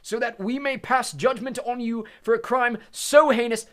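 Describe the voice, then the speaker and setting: A man's voice: very high-pitched, steady tone, normal speed, fairly bright tone, voice pushed up. A man voicing a stern, furious older judge who bellows his verdicts. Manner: bellowing, cold and harsh.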